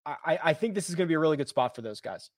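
A man's voice: on the high side, lively intonation, very fast, no room sound, studio quality. A man hosting a live stream, chatting casually with loose fillers and restarts as he answers viewer questions.

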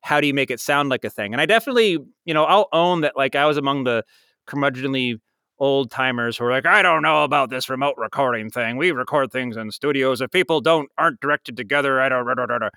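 A middle-aged American man, an audio drama producer appearing as a guest, tells anecdotes in a casual interview. His mid-range voice is gravelly yet smooth and quick-paced, with no echo. He's an animated, rambling storyteller who acts out quotes as he goes.

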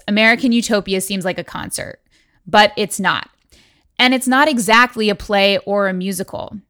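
A woman hosts a podcast in an articulate, enthusiastic voice that sits at a middle pitch. The sound is close and dry, with no room around her. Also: a bit bright, dry recording. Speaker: podcast host. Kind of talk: scripted intro then interview questions.

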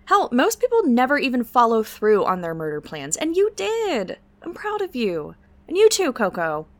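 A woman's voice: a little high, huge pitch swings, moderate pace. A woman in comedic dialogue, playful and breezy.

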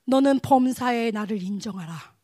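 A woman voicing God as a calm, grave, commanding presence, speaking slowly and in a low hush. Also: no echo, clean studio sound. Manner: slow, low, hushed delivery.

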